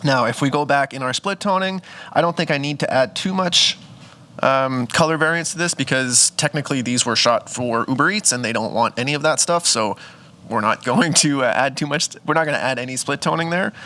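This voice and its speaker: Bright-voiced man teaching photo editing. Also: mid-range voice, brisk, a little hiss or hum. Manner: chatty, thinks aloud, self-correcting. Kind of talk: casual screen-recorded editing tutorial.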